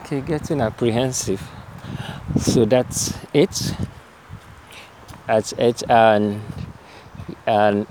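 A man's voice: lowish voice, darkish tone. A man with a Nigerian accent who slips into Nigerian Pidgin, giving a hesitant, unscripted field report and interview. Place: outdoors near a bridge. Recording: faint outdoor street and vehicle noise.

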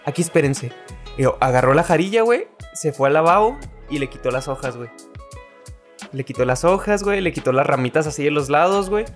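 A man with a Mexican accent, a podcast co-host, telling a story in casual chat, animated and profane, dropping güey after almost every phrase. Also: on the high side, quick pace, soft background music.

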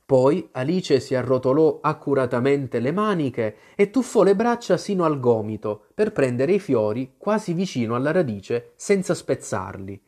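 A narrator reading a children's story aloud with a lively, expressive delivery. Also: mid-range voice, moderate pace, few pauses.

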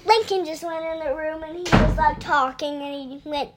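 A woman's voice: high voice, fairly even intonation, normal speed, very noisy. A young girl co-hosting a family podcast, chatting in a rambling, giggly way. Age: child. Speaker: podcast co-host. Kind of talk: casual chat.

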